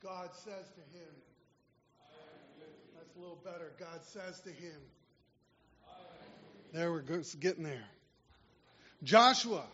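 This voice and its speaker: A man preaching a sermon, pushing hard on key words and then dropping to a near hush. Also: sits high. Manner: emphatic preaching with wide swings in loudness. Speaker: pastor. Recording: dull lo-fi sound in a reverberant hall.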